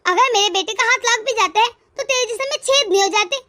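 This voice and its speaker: A woman voicing a harsh, taunting old mother-in-law in a cartoon, in a high, bright voice with a dry sound. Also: quick pace. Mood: scornful. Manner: taunting, scornful. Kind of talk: cartoon voice acting.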